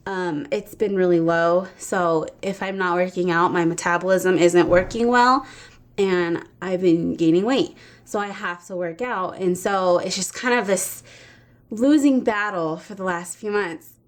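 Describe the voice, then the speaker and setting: A young adult woman vlogging to camera, talking casually and sounding frustrated and emotional, with lots of fillers. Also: fairly low pitch. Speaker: vlogger documenting her recovery.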